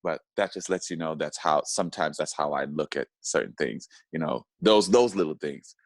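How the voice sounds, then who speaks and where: Deep-voiced man in a halting interview. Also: no room sound. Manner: halting, often repeats and restarts words. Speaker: actor and podcast guest. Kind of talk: casual interview chat.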